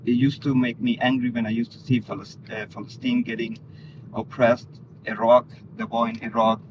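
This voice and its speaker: A man from Denmark talks at a moderate pace with a medium pitch and flat delivery. He is the guest in an earnest religious interview, recorded in muffled lo-fi sound with clear background noise.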